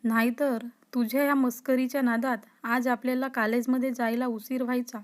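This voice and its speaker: A shy young college woman, read by a woman narrator answers defensively and scolds lightly. The voice is high and stays level, told as a storybook reading. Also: flat delivery, normal speed, close to an everyday voice. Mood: flustered.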